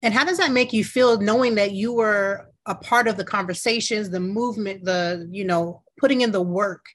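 A woman's voice: medium pitch, moderate pace. Earnest American woman hosting an interview. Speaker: interview host. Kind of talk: casual conversational interview.

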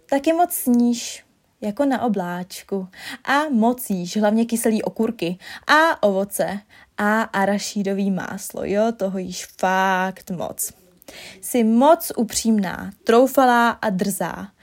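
Expressive young woman in spoken word. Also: on the high side. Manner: expressive, shifting between hushed and emphatic. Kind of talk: spoken-word monologue addressed to herself.

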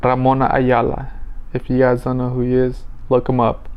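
A man co-hosting a podcast with his partner, talking in a rambling, halting, joking way. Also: mid-range voice, completely flat delivery, clear, resonant tone, highs cut off. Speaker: podcast co-host. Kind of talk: casual couple chat.

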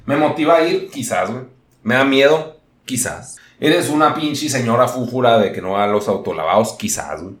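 A man's voice: medium pitch, reverberant. A man with a northern Mexican accent hosting a podcast, ranting casually in profane slang. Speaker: podcast host. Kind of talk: casual comedic rant.

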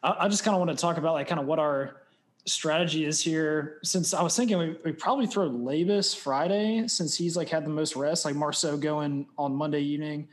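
A man in a casual sports chat, talking quickly and eagerly as he works through game strategy. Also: on the high side.

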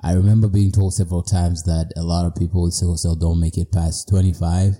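A man's voice: low voice, little pitch movement, brisk, mellow. A man from Zimbabwe, hosting a podcast in a reflective personal monologue, playful and self-mocking. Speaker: podcast host.

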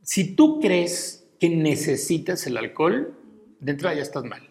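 A man's voice: a little high, sing-song, measured pace, vocal fry, darkish tone. A middle-aged man with a Mexican accent, a guest giving frank, fatherly advice in casual conversation. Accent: Mexican Spanish. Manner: frank, fatherly, full of filler tags.

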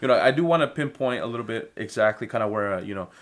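Easygoing man with a lowish voice. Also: expressive, racing, a crowd in the background. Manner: easygoing, agreeable. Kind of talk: casual chat.

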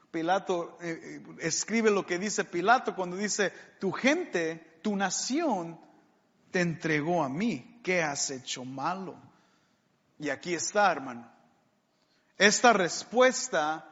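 A man's voice: high voice, a bit bright, in a large hall, dull audio. A man preaching a sermon, emphatic and drawing out key words.

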